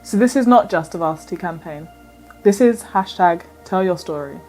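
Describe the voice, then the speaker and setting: A woman's voice: fairly low pitch, animated, normal speed, darkish tone, soft background music. Woman narrating a documentary intro. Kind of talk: scripted narration.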